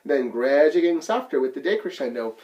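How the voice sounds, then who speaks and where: A man's voice: on the high side, animated, fast, a little mellow, muffled recording. A man teaching a flute lesson, counting beats aloud and explaining each musical term plainly. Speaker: band teacher.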